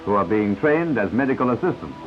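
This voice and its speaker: A man's voice: on the low side, sing-song, fairly quick. A man narrating an old 1950s newsreel in a confident announcer style, with asides to the viewer. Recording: dull lo-fi 1950s newsreel soundtrack. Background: newsreel music.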